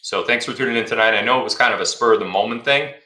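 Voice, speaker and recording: A man's voice: lowish voice, rapid-fire, sharp tone, echoey room. A man in his thirties hosting a casual livestream Q&A, rambling and chatty, reading viewer comments aloud. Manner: chatty, rambling, repeats words. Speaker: livestream host.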